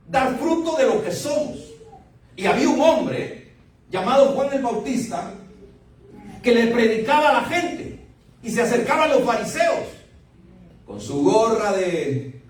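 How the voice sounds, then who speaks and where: An older man, a pastor, delivering a lively sermon with frequent laughs and exclamations. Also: sits high. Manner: animated preaching with frequent laughter, rising to exclamations. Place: church sanctuary. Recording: echoey church hall, voice from a distance.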